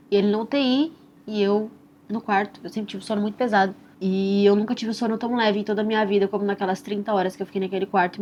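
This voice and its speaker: Tender young Brazilian woman telling her story. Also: mid-range voice. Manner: soft, tender and reflective, with frequent "né?" and "assim". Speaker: mother telling her own birth story. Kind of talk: personal testimonial storytelling. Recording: slightly dull recording with faint hiss.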